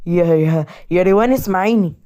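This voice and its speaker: An insistent, flustered young husband, as a woman reads him with an Egyptian accent. The voice is low-set and quick. Plain storybook delivery. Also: warm tone, natural voice. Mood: tense.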